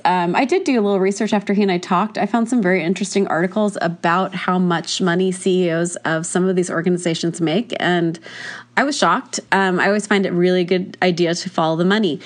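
A woman hosting a podcast, chatting casually through a cold, with a congested, stuffy nose and a tired sound. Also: mid-range voice. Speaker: podcast host. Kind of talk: casual podcast episode introduction.

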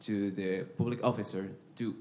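Hesitant man from Venezuela, low voice. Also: steady tone, moderate pace, dark tone, slight background noise. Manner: hesitant, many "uh" restarts. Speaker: audience member asking a question.

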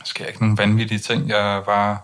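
Flat, gravelly low-voiced young man. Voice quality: monotone, low-key delivery. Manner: hesitant, many restarts. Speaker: interview guest. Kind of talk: candid personal conversation.

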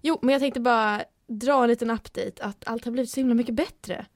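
Young woman, slightly high-pitched, dry close sound, blunt casual podcast talk. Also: steady tone, no room sound. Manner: frank and blunt, swears casually. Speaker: podcast co-host. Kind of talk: casual chat.

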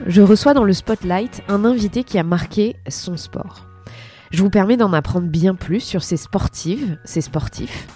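A woman in her thirties with a French accent, hoarse from a cold, presenting a sports podcast as its host. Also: lowish voice, mellow. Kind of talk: introducing and hosting a sports podcast.

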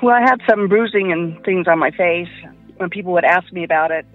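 A woman giving personal testimony about an attack she survived, in a quiet, halting way. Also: fairly low pitch. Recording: muffled lo-fi with faint music.

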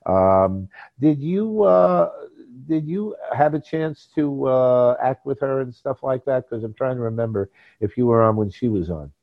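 A man's voice: mid-range voice, expressive, measured pace, no room sound. A man hosting a casual interview, asking rambling questions full of fillers. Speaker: interview host. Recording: dull dry lo-fi.

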